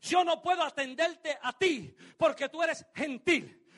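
Calm patient Jesus as a preacher puts him on, bright high voice, measured speech. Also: male voice. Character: calm adult male Jesus, patient teacher.

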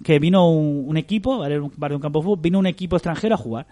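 Quick, high-ish joking man with a lilt. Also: mellow. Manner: joking storyteller, acts out dialogue. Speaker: podcast co-host. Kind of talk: casual podcast chat.

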